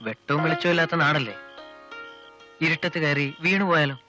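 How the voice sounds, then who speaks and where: An actor playing a playful nineteen-year-old young man in a 1980s film, giving brisk instructions. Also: a little high, pushed and bright, muffled recording, soft background music. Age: young adult.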